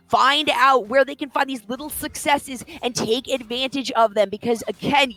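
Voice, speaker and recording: A woman casting a live esports match, excitable and playful, stretching words for emphasis. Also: high-pitched. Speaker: esports caster.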